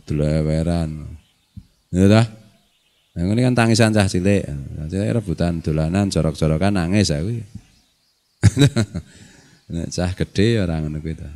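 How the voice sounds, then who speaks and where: Low-voiced Javanese cleric, jokey. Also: male voice, dark tone. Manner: jokey, laughs often, mixes local and Arabic phrases. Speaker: Islamic scholar teaching a study circle. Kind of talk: casual religious lecture.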